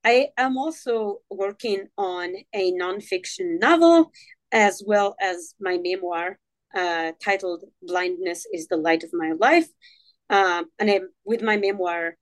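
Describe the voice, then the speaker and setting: Moroccan-born woman guest, Tamazight first language, halting with lots of ums. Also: medium pitch. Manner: hesitant, many fillers and restarts. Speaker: podcast guest. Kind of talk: casual interview talk.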